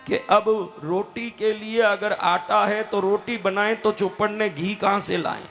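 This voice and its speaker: A man's voice: high voice, gravelly, fairly bright tone. A man telling a devotional story as a sermon, dramatic and calling out questions to the women listening. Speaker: katha storyteller. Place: live religious gathering.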